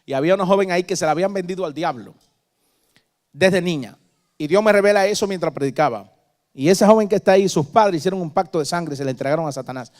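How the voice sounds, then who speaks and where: A male preacher with a fairly high voice tells his sermon as a vivid story. He swings from hushed asides to loud, emphatic peaks. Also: quick pace.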